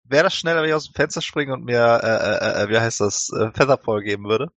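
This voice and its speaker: A man's voice: medium pitch, expressive, quick pace, a bit bright. A man playing in a tabletop game, joking around and sometimes hesitating over his words. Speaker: player. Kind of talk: casual chat at a tabletop game.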